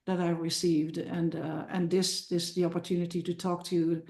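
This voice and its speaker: On a podcast, a middle-aged Dutch filmmaker and musician discusses her film in a casual interview, with a Dutch accent and plenty of restarts and repeated words. Her lowish voice is mellow, flat, and fried at normal speed, and the recording sounds roomy.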